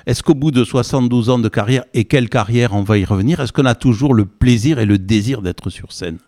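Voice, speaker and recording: Brief: male interviewer, mid-pitched, gentle prompts, dry close mic. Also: a little fast, no echo. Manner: attentive, gently prompting questions.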